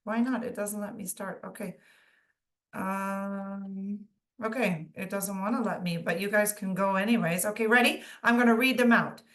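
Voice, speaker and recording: A woman's voice: mid-range voice, fairly even intonation, moderate pace. A woman co-hosting a webinar, chatty and giggly, playing along with game-show banter. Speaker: webinar co-host. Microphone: video call.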